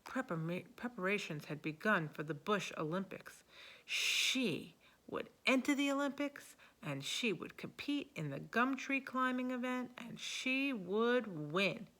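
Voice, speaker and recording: A woman reads a picture book aloud to young children, telling the story expressively. Her voice is fairly high, and she takes her time.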